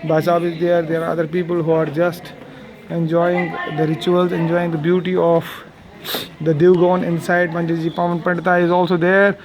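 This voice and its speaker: A man's voice: fairly high pitch, completely flat delivery, very slow, lo-fi sound, noisy background. A middle-aged man, the groom's uncle, eagerly narrating a family wedding ritual as he films it on a camera. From Kashmir. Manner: eager, mixes English narration with Hindi remarks. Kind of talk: live commentary while filming a ceremony. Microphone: handheld camera mic. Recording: crowd chatter of a ceremony behind.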